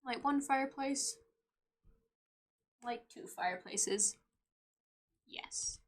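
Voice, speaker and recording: A young woman streaming a game live, chatting playfully as she plays, with sudden loud outbursts and giggles. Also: high voice, slow pace.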